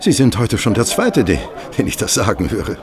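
An actor playing Stamford, an affable, chatty former hospital assistant doctor, in a radio play. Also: male voice, fairly low pitch, big pitch swings, normal speed. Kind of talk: German radio play acting. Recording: restaurant crowd murmur behind. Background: restaurant chatter.

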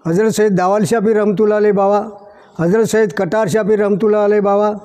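High-voiced caretaker. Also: male voice, fairly even intonation, quick pace, darkish tone. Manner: pious, recounts with quoted dialogue. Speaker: shrine caretaker. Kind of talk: storytelling interview. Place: outdoors at a village shrine.

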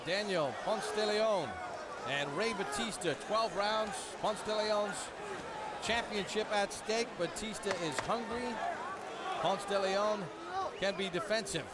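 Male ringside boxing commentator, high-pitched voice, calling it live over a loud crowd. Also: slow. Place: ringside at an indoor arena. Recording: loud crowd and arena noise.

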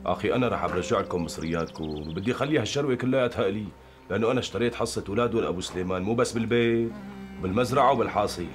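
An actor playing a greedy, self-assured Damascene man in a TV period drama, brisk and wheedling. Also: on the low side, faint music behind, natural voice. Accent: Damascene Arabic. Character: greedy, sly Damascene man after his in-laws' land.

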